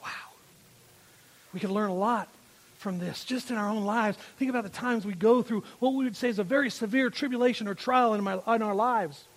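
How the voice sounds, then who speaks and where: A man preaching a sermon in a strikingly high voice. He is emphatic and repeats his phrases, swelling loud and then falling quiet. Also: fairly quick. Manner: emphatic, repeats phrases, rises and drops in volume. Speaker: pastor.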